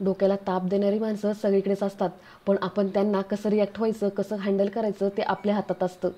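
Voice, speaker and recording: A woman's voice: mid-range voice, fairly quick, natural voice. A woman reading as a genial, witty older man. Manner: calm, joking advice.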